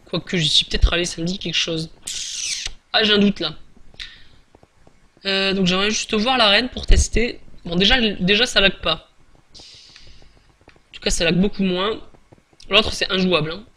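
A man's voice: sits high, measured pace, long pauses, bright, forceful tone, a little hiss or hum. A man giving casual, chatty gameplay commentary, hesitant with many fillers and restarts. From France. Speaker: gaming YouTuber.

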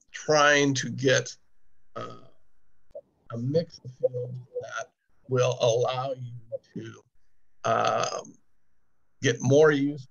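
A man's voice: mid-range voice, gravelly, a bit bright. Man on glitching, dropping-out call audio. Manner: measured, stops to rephrase. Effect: glitching audio that keeps cutting out. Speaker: public commenter. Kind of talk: public comment at a city board meeting. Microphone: computer mic on a video call. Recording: dull lo-fi remote call audio with dropouts.

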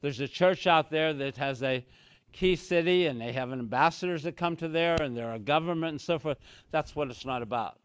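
With slight background noise, a fairly high-pitched older man speaks at normal speed while teaching an expository Bible lesson in a small church room. He often leaves the podium mic, gestures with both hands, and emphatically repeats key phrases, "so very clearly" among them.

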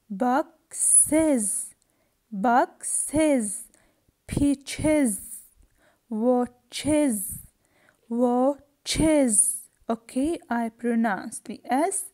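Slow, mellow-voiced woman teacher drilling words. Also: on the high side. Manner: slow, repetitive drilling with frequent "okay?" checks. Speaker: English teacher. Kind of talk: recorded pronunciation lesson.

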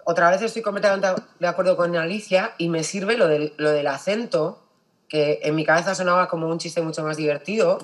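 A woman's voice: fairly low pitch, a little fast. A woman with a Basque Spanish accent, speaking emphatically and bluntly as a panelist in a discussion. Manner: emphatic, blunt, casually profane.

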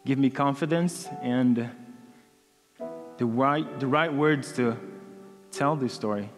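A student in his twenties, a native Portuguese speaker with a Brazilian accent, shares a personal testimony with a congregation. Speaking over music at medium pitch through a headset mic in a large church hall, he comes across as earnest and halting, full of fillers.

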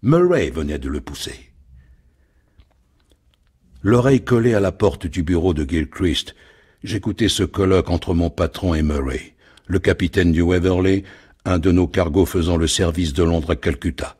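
A man narrating a dramatic story in an expressive, theatrical reading. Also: deep voice, normal speed, slightly rough.

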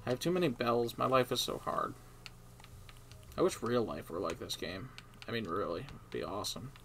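A man streams a video game and mutters dry, sarcastic complaints at it, mostly to himself. His voice is gravelly and swings widely in pitch. Faint keyboard typing sits behind him. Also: expressive, moderate pace, a bit bright, slight background noise. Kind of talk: casual gameplay commentary.

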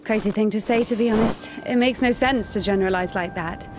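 A young actress voicing a nervous, earnest nun in a video game, stammering and hesitant. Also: female voice, medium pitch, fairly quick, lightly acted. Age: young adult. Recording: game audio with music.

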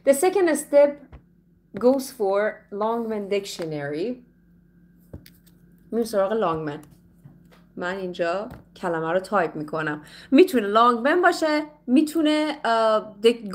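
A Persian-speaking woman teaching English in a playful, lively way, slowing down carefully whenever she speaks English. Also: a little high. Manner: switches between Persian and slow, carefully spoken English. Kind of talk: live online English lesson.

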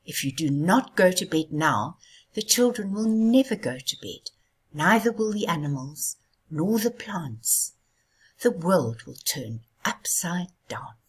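A woman voicing a stern, bossy female moon in a storybook, speaking firmly and louder than her narration. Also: fairly low pitch, sing-song, slow pace, breathy edge, full character voice. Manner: firm, scolding.

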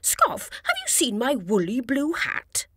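A woman's voice: high voice, wildly swooping pitch, a little slow, fairly bright tone, no echo, clean studio sound, heavily acted. A woman doing Lennon, an eager cartoon boy. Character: curious, excitable young male cartoon friend.

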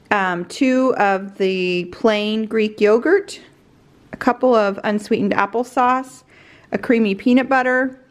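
A middle-pitched woman in her forties talks through a grocery haul in a relaxed, chatty way, pausing on fillers as she lists items and prices. She speaks into a handheld camera held at arm's length in a home kitchen. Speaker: family vlogger.

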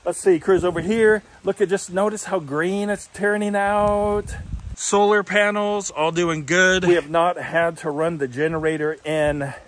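A man's voice: high voice, unhurried, slight background noise. Chatty American man touring his homestead. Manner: relaxed, chatty, explaining as he goes. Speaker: homestead vlogger. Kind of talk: casual walking tour vlog. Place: outdoors on a forested homestead. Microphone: phone held at arm's length.

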